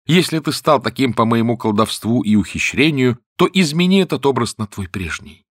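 A man's voice: mid-range voice, lively intonation, moderate pace, dry recording, clean studio sound, lightly acted. A man putting on a pleading sorceress. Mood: eager. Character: adult woman sorceress, devoted and eager.

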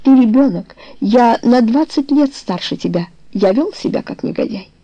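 A woman's voice: fairly high pitch, lively intonation, moderate pace, warm tone, no room sound, lo-fi sound, pitched above the performer's own voice. A woman voicing a remorseful, passionate older man in a storybook reading, speaking earnestly and tenderly.

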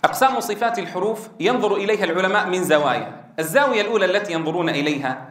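Man, tajweed lesson, asks and answers his own questions, high voice. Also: lively intonation, fairly bright tone, echoey room. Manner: stretches words slowly to show pronunciation. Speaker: Quran teacher.

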